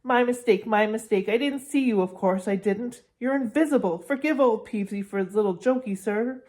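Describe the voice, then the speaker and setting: A woman's voice: on the high side, normal speed, darkish tone, voice pushed up, natural voice. A woman reading aloud and voicing a mischievous male poltergeist who turns greasy and fawning. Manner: wheedling, fawning, sing-song.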